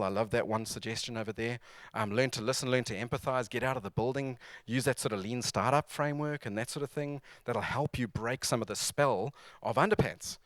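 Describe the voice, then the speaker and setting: A man's voice: medium pitch, fairly bright tone, no echo. A man giving a chatty, jokey conference talk who keeps asking the audience to respond. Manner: chatty, asks audience for nods, jokey asides. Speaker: conference speaker. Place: conference venue.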